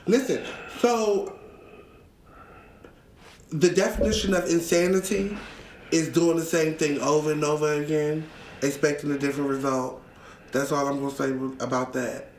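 A man co-hosting a comedy podcast with a sassy, emphatic delivery and a somewhat high voice. The room sounds echoey, with a faint hum of background noise. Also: flat delivery, normal speed, long pauses, recorded from a distance. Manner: sassy, emphatic, preachy asides. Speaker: podcast co-host. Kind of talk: casual comedic chat.

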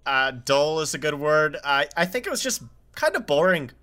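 A man co-hosting a film podcast, critiquing a movie in a casual, halting way. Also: on the high side, very animated, sharp tone, smooth. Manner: halting, many fillers and restarts. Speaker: podcast co-host. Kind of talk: casual film review chat.

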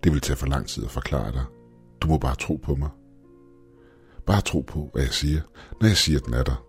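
A man voicing an obsessive, excitable young male astronomy student who talks eagerly and urgently. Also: a bass voice, soft background music. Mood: insistent.

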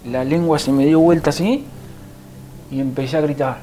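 A man's voice: on the high side, steady tone, moderate pace, warm tone, poor audio. A man with a Rioplatense Spanish accent gives an emotional personal conversion testimony as a guest. He tells the story vividly and acts out what others said to him.

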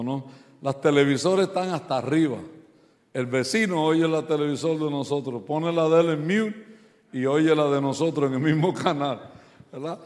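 A man preaches in a church, his voice a little higher than most men's and trailing off into the long reverb of the hall. He tells his stories with lively timing, acting out the voices in them, then swells into loud, insistent preaching. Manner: animated storytelling, acts out quoted voices, rises to loud preaching. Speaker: pastor. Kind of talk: sermon with humorous stories. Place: church sanctuary.

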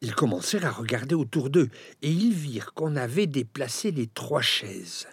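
A man reading a children's fairy tale aloud, very expressive, and now and then speaking straight to his listeners. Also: medium pitch, normal speed, slightly rough, dry recording, studio quality. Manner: expressive, addresses listeners directly. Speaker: storyteller.

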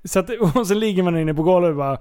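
A man hosting a casual podcast chat, telling an animated story, swearing often and laughing as he talks. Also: high-pitched, clear, resonant tone. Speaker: podcast host.

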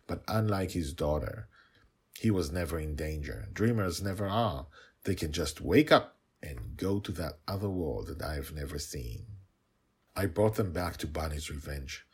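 A man voicing a formidable, devoted dragon who solemnly narrates his own dramatic tale in an audio story, with a husky voice. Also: rumbling low, heavily acted. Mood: weary, relieved.

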